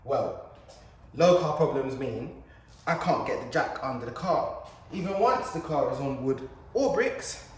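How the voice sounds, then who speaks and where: A man chats his way through servicing a car, joking at his own expense. He sounds well back from the mic, in a very echoey space with a faint hum of ambience behind him. His pitch sits in an ordinary middle range. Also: expressive, a little slow, far from the mic. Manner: chatty, self-mocking, talking himself through the job. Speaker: home mechanic. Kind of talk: casual narration while working on a car. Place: garage or workshop.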